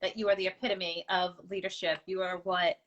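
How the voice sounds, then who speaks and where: Bright enthusiastic woman host. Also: fairly low pitch, flat delivery, brisk, muffled recording. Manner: enthusiastic, affirming, many fillers. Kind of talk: interview conversation.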